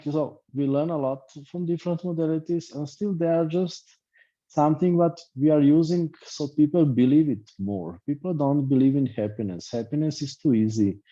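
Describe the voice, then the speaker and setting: A man's voice: on the high side, warm tone, highs cut off. A man with a loose, blunt manner, filler-heavy and repetitive, giving an online class as a life coach over a video call.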